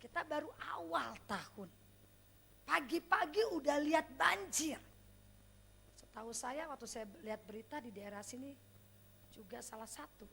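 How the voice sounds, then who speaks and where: A middle-aged woman preaching a sermon, speaking straight to her congregation and swinging between loud, emphatic exclamations and hushed, near-whispered lines. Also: high voice, gravelly, a little hiss or hum. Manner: addresses the congregation directly.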